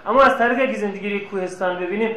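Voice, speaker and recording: A man giving a classroom lecture, telling anecdotes and acting out quoted dialogue. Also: sits high. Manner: lively storyteller, plays out quoted dialogue. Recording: echoey room, faint noise.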